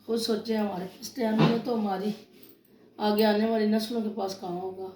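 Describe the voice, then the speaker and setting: A woman's voice: medium pitch, level tone, reverberant, very noisy. A woman with a Pakistani Urdu accent, telling a personal story in a casual vlog, emotional and hurt. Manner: emotional, tells of a quarrel, acts out both sides. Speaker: vlogger.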